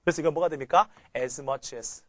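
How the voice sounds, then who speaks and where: In a recorded grammar class, a man whose voice is on the high side teaches English at normal speed, with no room sound. He chants phrases as a memorization drill, asking rhetorical questions and repeatedly adding "그렇죠?".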